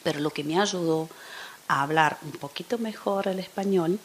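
A woman guest, a teacher, talking through an interview in a thoughtful way and often dropping into soft near-whispers. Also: lowish voice, moderate pace, a little hiss or hum. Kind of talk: casual interview chat.

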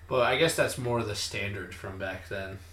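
A man's voice: fairly low pitch, normal speed, a bit bright. A man co-hosting a casual chat, teasing his co-host and filling his talk with "like". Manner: teasing, full of fillers like "like". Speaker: podcast co-host. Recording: echoey room, distant from the mic.

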